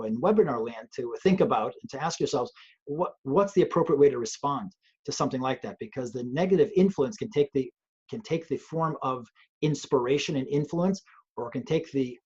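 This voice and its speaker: A man's voice: mid-range voice, darkish tone, slightly rough, highs cut off. A man, a police trainer, talking earnestly and thoughtfully on a webcast, often restarting his sentences. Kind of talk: conversational webcast talk. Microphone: video call.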